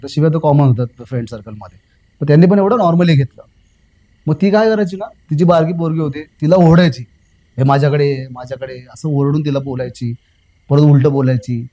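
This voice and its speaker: A young man recounting something that happened to him in casual storytelling, repeating himself, filling pauses with "uh" and calling the host sir. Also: a little high, mellow, low-quality recording. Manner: rambling, repeats phrases, fills pauses with "uh", addresses the host as sir. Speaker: guest recounting a personal experience.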